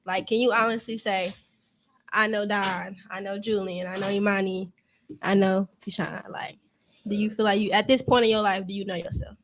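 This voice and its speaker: A woman's voice: mid-range voice, level tone, normal speed. A woman of twenty-one with speech, hosting casually and speaking directly to the audience. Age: 20s. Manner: upbeat, addresses the audience directly. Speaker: podcast co-host.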